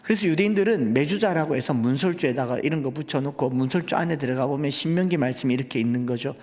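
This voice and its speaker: A male guest pastor preaches a sermon in a church sanctuary, pressing his congregation with rhetorical questions. His mid-range voice is fast and a little mellow, and the recording carries the long reverb of a church hall.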